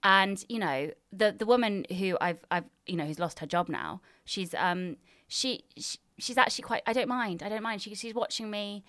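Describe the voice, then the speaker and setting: A woman's voice: medium pitch, moderate pace, hardly any pauses, a bit bright, dry recording, studio quality. A young woman co-hosting an improvised comedy chat in character, talking with theatrical, self-important showbiz boasting. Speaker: co-host.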